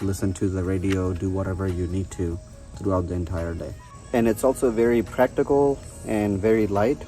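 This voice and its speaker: Out on a residential front porch, a man in his thirties chats his way through a relaxed product review. He has a mellow, lowish voice, describing features in a conversational manner and going over the same points more than once.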